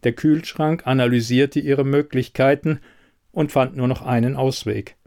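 A man reading a short story as audiobook narrator, in an even, measured manner. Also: medium pitch. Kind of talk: scripted narration.

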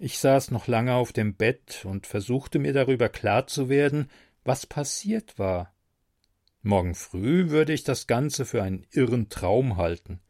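A man narrating a first-person fantasy audiobook in a wry, expressive storytelling manner. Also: medium pitch, measured pace, no echo, studio quality.

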